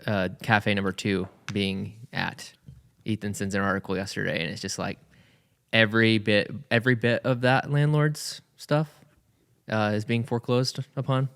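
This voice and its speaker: A man with a smooth but gravelly voice chimes in on a casual podcast. He keeps his additions brief and easygoing. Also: fairly low pitch, steady tone, normal speed, a bit bright. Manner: laid-back, brief interjections. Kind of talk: casual business podcast chat.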